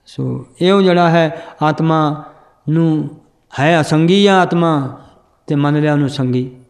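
Male scripture teacher, slightly high voice, patient, drills pronunciation and chants verses. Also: slow pace.

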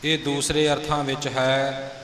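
A man's voice: medium pitch, little pitch movement, a little slow, crowd noise. Man explaining recitation in an echoey hall. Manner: explains with sung examples. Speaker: teacher of scripture recitation. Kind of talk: explaining correct pronunciation of scripture.

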